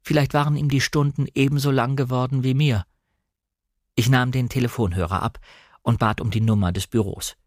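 A man reading a novel aloud in calm, even scripted narration. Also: medium pitch, fairly quick, no room sound, clean studio sound. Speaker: audiobook reader.

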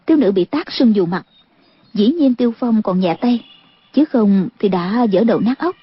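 A woman narrating a martial-arts audiobook with a steady storytelling delivery, in a dull lo-fi recording. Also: medium pitch, moderate pace, slightly rough, dry recording. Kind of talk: scripted narration.

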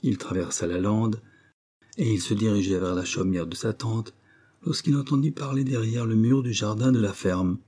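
Audiobook narrator, man, measured reading, dark mellow tone. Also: on the low side, breathy edge. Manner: measured, storytelling. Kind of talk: scripted literary narration.

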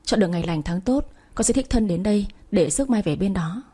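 A woman's voice: medium pitch, lively intonation, fast talker, warm tone, husky. A woman reading the lines of an earnest, respectful young man asking to marry. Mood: relieved. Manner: pleading, respectful. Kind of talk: audiobook story reading.

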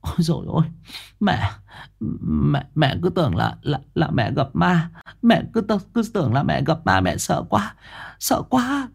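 A man's voice: big pitch swings, unhurried, creaky, slightly rough, full character voice. A man voicing a frightened old mother in a ghost story, crying out and stammering. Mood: shaken. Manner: stammering, breathless, high cries. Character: terrified old mother, frantic and shaky.

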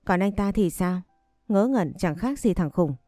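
A woman's voice: mid-range voice, lively intonation, measured pace, dry recording, studio quality, soft background music, natural voice. A woman voicing a spoiled, brutish young man who bullies and sneers. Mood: whiny. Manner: harsh, contemptuous shouting.

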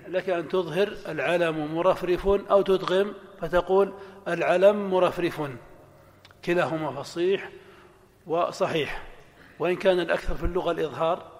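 A male scholar giving a classroom lecture on grammar, explaining a text slowly and deliberately and repeating each example aloud. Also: sits high, a little mellow. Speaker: Islamic scholar teaching grammar. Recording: long reverb of a lecture hall.

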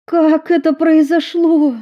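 A woman's voice: on the high side, fairly even intonation, slow, muffled recording. A woman reading a storybook voices an anxious, caring teenage girl who pleads in a raised voice.

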